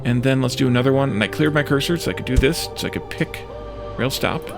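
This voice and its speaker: Speaking quickly with vocal fry at a medium pitch, a man hosts a let's play with casual game commentary. He mutters short fragments of thought to himself over game music.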